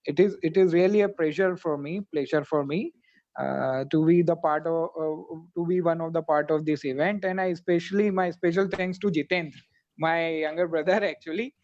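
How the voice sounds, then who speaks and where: A man's voice: a little high, fairly even intonation, moderate pace, darkish tone. Indian man thanking, dull call audio. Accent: Indian English. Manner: repeats phrases. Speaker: guest speaker. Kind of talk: formal thanks. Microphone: video call.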